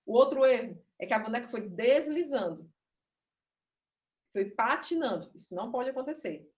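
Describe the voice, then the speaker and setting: Somewhat high and a little mellow, a woman's voice with lively intonation moves at a normal speed as she teaches a puppetry class online. She explains and demonstrates, interrupting herself and sounding a little nervous. The echoey room makes her voice seem far away.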